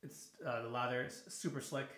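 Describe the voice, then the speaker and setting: A man's voice: mid-range voice, steady tone, a little fast, fairly bright tone. A man in his thirties hosting a shaving video in a small home bathroom, talking casually and a bit tiredly, with frequent fillers and restarts as he goes. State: a little tired in the evening. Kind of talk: casual product review while shaving. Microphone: camera on the counter at close range. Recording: echoey bathroom.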